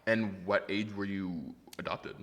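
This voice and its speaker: A man's voice: low voice, fairly even intonation, measured pace, fairly bright tone, big-room sound. A man hosting a studio interview, asking light teasing questions and laughing easily. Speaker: podcast host. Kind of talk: casual interview.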